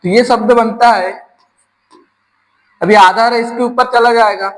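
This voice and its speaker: A man's voice: very high-pitched, steady tone, a little slow, fairly bright tone, rough recording. A man from teaching an exam-prep grammar lesson, explaining step by step and asking his class rhetorical questions.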